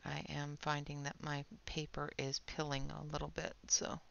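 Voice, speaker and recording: Lady doing a laid-back art demo, super creaky voice, kinda murmurs to herself and trails off, muffled cheap audio. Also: low-pitched, monotone, normal speed, fairly bright tone, dry recording. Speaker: art supply reviewer. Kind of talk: casual demonstration commentary.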